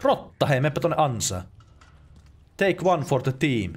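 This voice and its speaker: A Finnish man provides casual let's play commentary in a mid-range voice, excitable and swearing, yelping and laughing at the game over slight background noise.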